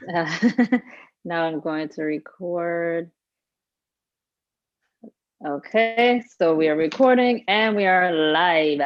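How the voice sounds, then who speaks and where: Brief: lower-pitched woman coach hosting a live chat, dull lo-fi audio. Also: takes it slowly, pauses often, dry recording. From Haiti. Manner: chatty, laughs often, many fillers. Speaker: fitness coach and host. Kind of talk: casual live-stream interview.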